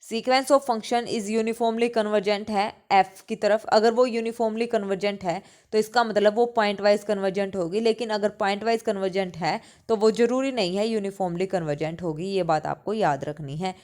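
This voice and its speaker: A woman's voice: mid-range voice, steady tone, normal speed, hardly any pauses, a little mellow. A woman teaching a maths exam-prep lecture, mixing English terms into her speech, asking questions and answering them herself, repeating key points. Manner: mixes English math terms into Hindi speech. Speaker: mathematics teacher.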